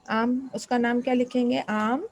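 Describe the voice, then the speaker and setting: A woman's voice: on the high side, level tone, normal speed, no echo, poor audio. A woman math teacher explaining a lesson, patiently repeating questions and prompting students to answer.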